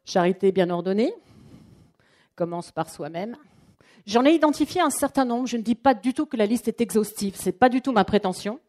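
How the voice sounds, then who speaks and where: Leading a live training workshop for a roomful of people, a woman trainer and coach chats in a lively way and acts out what her clients say. Her mellow voice sits mid-pitch and moves at a moderate pace.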